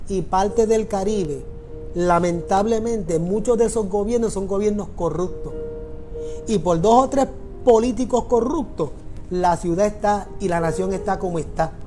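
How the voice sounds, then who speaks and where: A middle-aged pastor from Puerto Rico preaches a sermon in a Puerto Rican Spanish accent, repeating phrases for emphasis. His voice is high and darkish in tone.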